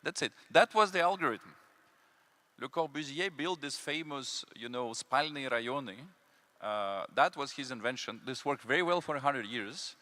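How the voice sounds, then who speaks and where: Bright-voiced man with a French-sounding accent. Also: mid-range voice, lively intonation, moderate pace. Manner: speaks with a slide presentation, many fillers; emphatic, building points step by step. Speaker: panel speaker, consultant. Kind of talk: conference panel talk. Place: conference hall.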